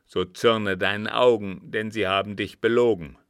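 A man's voice: fairly low pitch, steady tone, moderate pace, a bit bright, smooth, no room sound, studio quality. A man voicing a cunning disguised agent who feigns innocence with emphatic protests, in an audiobook reading. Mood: indignant.

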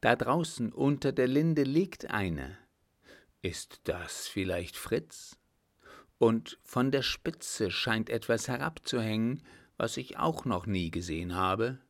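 Picture a composed, watchful gentleman in disguise who asks his questions steadily and slowly, as a man reads him in an audiobook. The voice has a gravelly, creaky edge and takes its time. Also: medium pitch, lively intonation. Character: calm, watchful man posing as a doctor.

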